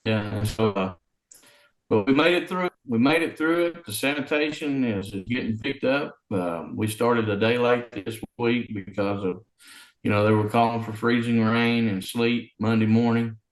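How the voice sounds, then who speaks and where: Man on a breaking-up video call. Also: mid-range voice. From Arkansas. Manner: halting, many fillers and restarts. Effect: remote conference call audio that breaks up. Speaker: city public works official. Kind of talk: interview over a video call. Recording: roomy sound over a breaking-up call line.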